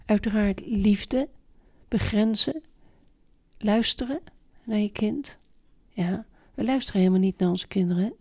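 A woman's voice: mid-range voice, a little slow, darkish tone. A middle-aged woman as an interview guest, talking emphatically about raising children and repeating her key points. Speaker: interview guest, parenting expert. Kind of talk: conversational interview.

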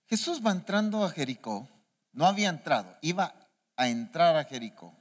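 Male preacher, fairly high voice, very animated pitch, questioning congregation, long hall reverb. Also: moderate pace. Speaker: apostle preaching. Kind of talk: sermon.

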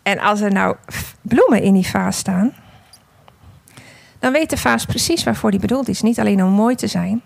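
A woman telling a parable and sharing her testimony in a gentle, slow, emphatic devotional storytelling style. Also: medium pitch, gravelly, dry recording.

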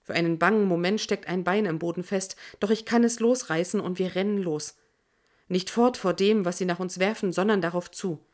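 A woman reading a first-person audiobook in a measured, tense manner. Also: lowish voice, a little mellow. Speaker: audiobook narrator. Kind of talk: first-person scripted narration.

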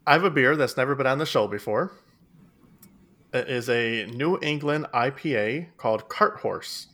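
A man's voice: mid-range voice, moderate pace, pushed and bright. A man co-hosting a casual beer podcast, talking in an easygoing, dry joking way. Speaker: podcast co-host.

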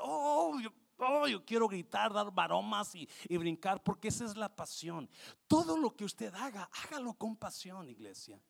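Fiery gravelly-voiced man preaching a sermon. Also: high voice. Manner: passionate, swings from quiet to shouting, mixes in English. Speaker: pastor.

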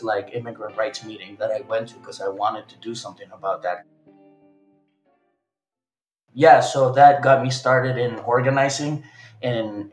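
A man in his thirties from Chile, telling his own story in a relaxed, halting way with frequent restarts. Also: mid-range voice, echoey room, low-quality recording. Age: 30s. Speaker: interviewee, organizer. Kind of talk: casual storytelling.

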